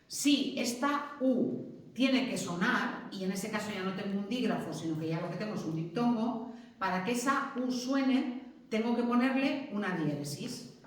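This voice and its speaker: A woman's voice: medium pitch, lively intonation, moderate pace. Echoey woman lecturing a class. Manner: explanatory, checks in with frequent "¿mm?" and "¿sí?". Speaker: teacher. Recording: very echoey classroom, mic far off.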